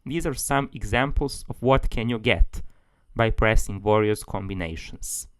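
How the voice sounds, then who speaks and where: A man's voice: on the low side, a little slow, no room sound. A man giving a tutorial as a language tutor, explaining things steadily, step by step.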